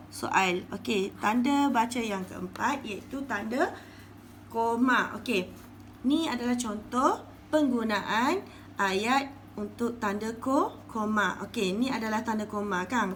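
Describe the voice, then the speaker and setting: Slow, patient Malaysian woman teacher. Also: on the high side, fairly bright tone, a little hiss or hum. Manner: slow, patient explaining with frequent "okey". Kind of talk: online class lesson.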